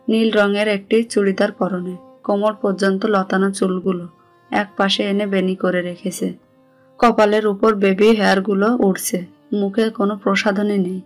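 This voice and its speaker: Narrating a romantic tale, a Bangladeshi-accented woman keeps her voice steady and even. Her pitch stays in the middle with little movement, and gentle music sits underneath.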